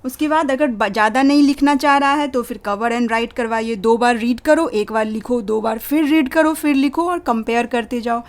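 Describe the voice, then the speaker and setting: A young woman, a parenting channel host, explaining to parents how to teach spelling, slowly sounding out words letter by letter and mixing English words into Hindi. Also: a little high. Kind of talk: instructional talk for parents.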